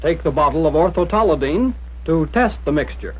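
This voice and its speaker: Fairly high in pitch with a breathy edge, this American narrator reads a scripted 1940s military instructional film a little fast and with lively intonation. He sounds direct, plain and instructive, and the old soundtrack is dull and muffled.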